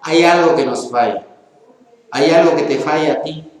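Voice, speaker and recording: A man's voice: on the high side, normal speed, a little hiss or hum. A man preaching a sermon in a church hall into a microphone, chatting with the congregation, asking them questions and acting out short exchanges. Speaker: pastor. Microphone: handheld or stand microphone. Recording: very echoey church hall with long reverb.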